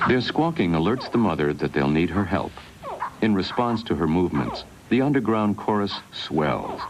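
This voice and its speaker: Deep-voiced documentary narrator on worn tape. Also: male voice, big pitch swings, normal speed. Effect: worn VHS tape copy. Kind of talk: scripted wildlife documentary narration. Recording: hissy worn VHS tape dub.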